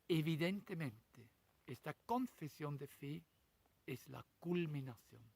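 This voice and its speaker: A man preaching a sermon as a pastor, retelling a story in short, measured phrases with rhetorical questions. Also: on the high side, expressive, gravelly, darkish tone, husky. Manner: speaks in short, measured phrases with frequent pauses.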